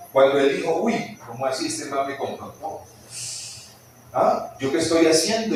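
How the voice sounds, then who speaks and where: A man preaching a sermon in a church hall, animated and often putting questions to the congregation. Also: a little high, slight background noise. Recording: echoey church hall, mic at a distance.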